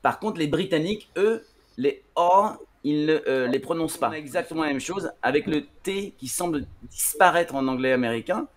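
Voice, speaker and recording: A man's voice: fairly high pitch, expressive, moderate pace. A man teaching English pronunciation on a TV show, talking with many fillers and restarts. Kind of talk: classroom-style TV lesson.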